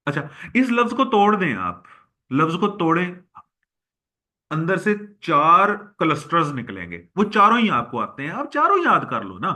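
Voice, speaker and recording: Guy teaching vocab, bright forceful voice, says every word over and over. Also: fairly high pitch, sing-song, normal speed. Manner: drills words by repeating them; addresses students as boys and girls. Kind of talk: recorded lecture.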